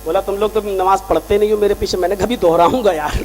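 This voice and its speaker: A man giving a sermon and telling a story, acting out both sides of a conversation and rising to shouts. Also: high voice, steady tone, fast talker, soft background music. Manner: impassioned, acts out dialogues, rises to shouting. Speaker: preacher.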